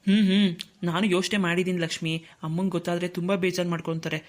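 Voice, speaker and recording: A woman's voice: lowish voice, flat delivery, quick pace, a little mellow, lightly acted. A woman voicing a worried young husband and protective older brother in a cartoon, speaking earnestly. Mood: instructing. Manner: earnest, troubled. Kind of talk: cartoon dialogue acting.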